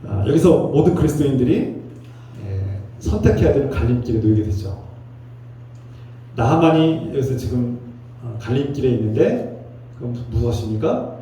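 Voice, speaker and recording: Middle-aged pastor preaching in an echoey hall. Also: male voice, mid-range voice, expressive, normal speed, long pauses, warm tone. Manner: earnest, conversational preaching that slips into heated quoted voices. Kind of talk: sermon. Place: church sanctuary during Sunday worship. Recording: echoey hall from far off with faint hum.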